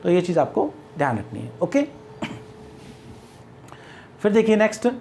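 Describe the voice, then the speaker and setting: A man's voice: high-pitched, sing-song, normal speed, creaky, darkish tone, a little hiss or hum. A male English grammar teacher explaining step by step, mixing English terms into Hindi and answering his own questions. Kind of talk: Hindi-language grammar lesson.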